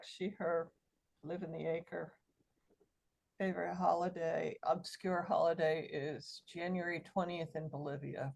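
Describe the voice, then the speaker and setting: Husky, gravelly woman on a video call. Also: sits low, darkish tone, low-quality recording. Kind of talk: introducing herself at a meeting.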